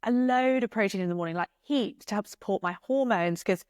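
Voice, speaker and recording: A woman's voice: mid-range voice, a little fast, darkish tone, no room sound, clean studio sound. A woman in her thirties hosting a podcast, speaking casually with many "like" fillers. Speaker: podcast host. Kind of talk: casual chat.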